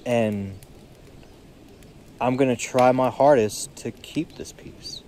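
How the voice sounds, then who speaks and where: A tired young man musing aloud in a solo vlog, seated outdoors by a creek, filling his pauses with "you know". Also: mid-range voice, warm tone, slight background noise. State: tired, yawning. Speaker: podcast vlogger. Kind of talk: reflective solo monologue. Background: faint creek water and birdsong.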